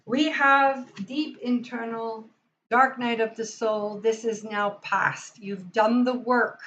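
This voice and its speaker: A woman's voice: a little high, fairly even intonation, slow pace, a bit bright, slight background noise. A woman hosting a live tarot reading, chatting with enthusiasm and speaking straight to her viewers. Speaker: tarot reader and livestream host. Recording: dull lo-fi sound.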